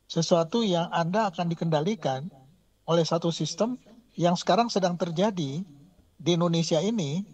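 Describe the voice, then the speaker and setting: A man's voice: fairly high pitch, normal speed, darkish tone. A middle-aged man giving an earnest church testimony over an online call, his audio choppy and breaking up. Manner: earnest, emphatic. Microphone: remote call. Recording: muffled, lo-fi remote call line.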